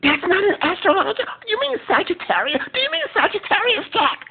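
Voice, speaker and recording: A man putting on a shrill, nagging lawyer. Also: sing-song, brisk, gravelly, full character voice. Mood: exasperated. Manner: high-pitched, loud, scolding and nagging. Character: fussy exasperated male lawyer, easily annoyed. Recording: tinny phone-like recording.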